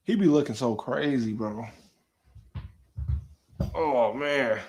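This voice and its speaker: Young man, casual live stream host, relaxed slangy chat, mid-pitched voice. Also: slow pace, slightly rough. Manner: relaxed, slangy, talks to his dog in a high coaxing voice. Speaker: livestream host.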